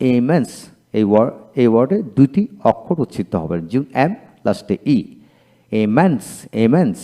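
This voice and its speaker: A man's voice: medium pitch, dark tone. A man teaching pronunciation, spelling words out letter by letter and repeating each one. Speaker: English teacher.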